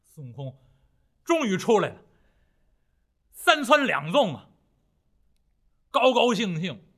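A man telling a traditional Chinese story in a dramatic, rhythmic, expressive way. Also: high-pitched, slow.

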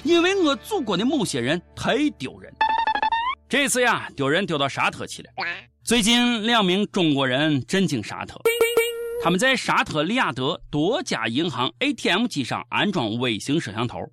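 A man's voice: high-pitched, wildly swooping pitch, moderate pace, fairly bright tone, faint music behind. A man with a Shaanxi accent giving comic news commentary in a mocking, colloquial, sarcastic way. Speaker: host of a satirical news show.

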